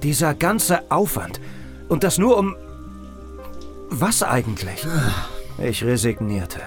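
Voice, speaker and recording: A man's voice: mid-range voice, big pitch swings, slow pace, over music. A man playing a sardonic noir detective. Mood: wry. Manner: dry, sardonic inner monologue. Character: world-weary hard-boiled male private detective. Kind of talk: first-person noir audio drama narration.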